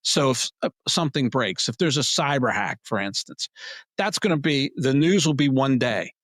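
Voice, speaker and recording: A man answering interview questions, emphatic and plain-spoken, his voice worn and going hoarse. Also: moderate pace, dry recording. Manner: emphatic, plain-spoken, animated pitch jumps. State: losing his voice. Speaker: PR agency head, guest.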